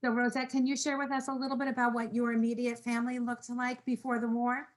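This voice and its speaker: A woman's voice: on the high side, level tone, fast talker, poor audio. A woman moderating an online talk, politely and methodically guiding her guests over a video call. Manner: polite and organized, guiding the speakers. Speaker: program moderator.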